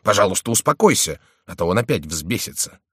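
A man's voice: on the low side, big pitch swings, a little fast, bright, forceful tone, breathy edge, no echo, studio quality, full character voice. A man voicing a timid, fussy stepfather who pleads and stammers in an audiobook. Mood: pleading.

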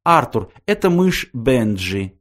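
A man's voice: medium pitch, big pitch swings, takes it slowly, fairly bright tone. A man voicing a composed, self-assured young woman in a storybook reading. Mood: introducing.

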